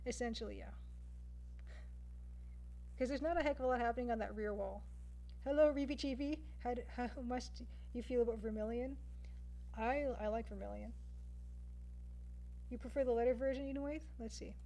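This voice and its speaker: A Canadian-accented woman, a game artist, chats casually with her stream viewers and thinks aloud while drawing. Her voice is fairly high and dark-toned, at a moderate pace with long pauses, on a rough recording.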